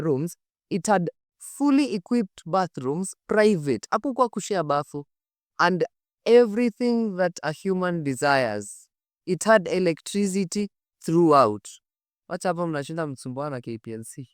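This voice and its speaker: On a studio set, a man hosts and narrates to camera with animated, conversational energy, using a Kenyan accent, emphatic repetition and rhetorical questions. His voice is a little high and darkish, and the recording is dry and clean.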